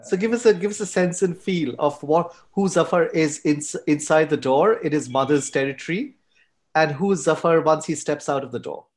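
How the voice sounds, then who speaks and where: A man hosting a podcast, asking questions softly with frequent fillers. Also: fairly high pitch, moderate pace. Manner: soft-spoken, many fillers. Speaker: podcast host. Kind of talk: interview questions.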